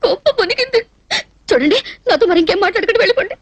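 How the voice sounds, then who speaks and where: Very high-voiced weepy young woman, pleading, quick talk, film dub. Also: expressive, no room sound, dull audio. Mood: hurt. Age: young adult. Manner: pleading, tearful, breaking into sobs. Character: tearful, lovesick young woman, emotional. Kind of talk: dubbed film dialogue.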